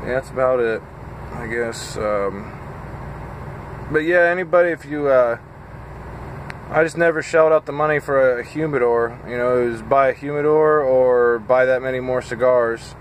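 A man in his thirties, a truck driver, chatting casually and haltingly with lots of fillers while tired and a bit scattered, filmed on a phone at arm's length in his parked cab. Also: mid-range voice, a little hiss or hum. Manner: rambling, halting, with frequent fillers. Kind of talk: casual vlog chat. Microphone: phone camera at arm's length.

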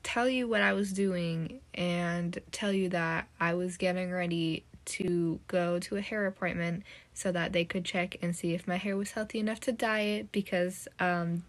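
Her pitch fairly low, a teenage vlogger talks at a moderate, steady pace with hardly any pauses, chatting to a close-held phone camera indoors in her small bedroom and home. It's a casual day-in-the-life vlog, rambling and full of "like."

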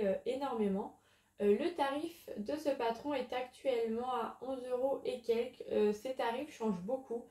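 A woman with a raised, mellow voice chats casually about crochet projects, hesitating often with small fillers. The sound bounces around an echoey room at home. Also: fairly high pitch. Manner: chatty, hesitant with frequent fillers. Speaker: crochet YouTuber. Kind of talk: casual chat.

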